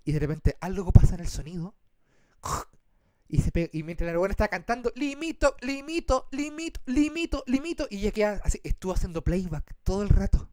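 A man with a Chilean accent, co-hosting a casual chat and telling a story in an animated, slangy way. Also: fast, no echo, clean studio sound. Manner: animated, slangy, acts out quotes in a high voice. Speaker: podcast co-host.

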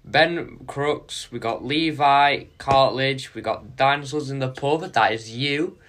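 A man's voice: mid-range voice, slow, fairly bright tone. A young man, co-hosting a casual podcast and giving short, laid-back, mumbled answers. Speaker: podcast co-host. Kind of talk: casual chat.

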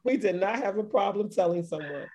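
A woman in her forties, co-hosting a casual podcast chat, telling a story with lively energy and frequent laughter. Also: mid-range voice, brisk, background noise. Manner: animated storytelling, laughing often. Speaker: podcast co-host.

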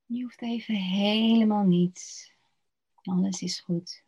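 A woman guiding a slow body-scan relaxation meditation in a soft, soothing voice with long pauses. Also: mid-range voice, fairly even intonation, husky. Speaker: meditation guide. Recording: dull lo-fi recording.

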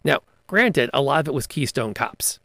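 A man's voice: medium pitch, lively intonation, normal speed, vocal fry, pushed and bright, dry recording, studio quality. A man in casual chat, telling game stories with lots of enthusiasm and restarts. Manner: enthusiastic storytelling with many restarts. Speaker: podcast co-host, game master. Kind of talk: casual chat about tabletop gaming.

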